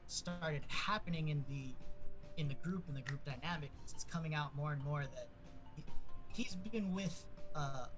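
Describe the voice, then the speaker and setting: A man casually introducing himself and his character as a player in a tabletop game. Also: a little high. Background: music.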